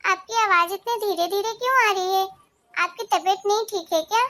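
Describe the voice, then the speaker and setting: Figure: a woman voicing a grumbling young daughter-in-law, very high-pitched. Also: normal speed, sharp tone. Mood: worried. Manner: chatty muttering to herself. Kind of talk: cartoon storytelling.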